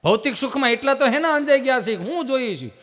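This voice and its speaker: A man doing live folk comedy storytelling on stage, animated and acting out family characters. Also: extremely high pitch, fast talker. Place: live stage event with audience.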